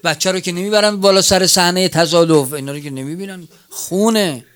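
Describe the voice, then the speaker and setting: Preacher, swinging loud to hushed. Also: male voice, sits high, clean tone. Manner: swings between loud cries and hushed near-whispers, tearful chant. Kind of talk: mourning sermon.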